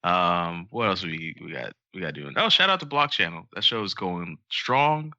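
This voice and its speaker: A man hosting a podcast in easy, rambling chat, peppered with ums. His voice is low and very bright, recorded dry and close with a slightly dull, lo-fi sound. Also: expressive, moderate pace, dry recording. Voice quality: frequent ums, loose rambling delivery. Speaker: podcast host.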